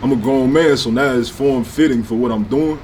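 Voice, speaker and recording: Brash young St. rapper talking. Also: male voice, mid-range voice, normal speed, a little mellow, a little hiss or hum. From St. Louis, USA. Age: 20s. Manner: brash, profane, slangy. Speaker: rapper, interview guest. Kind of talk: casual sit-down interview talk.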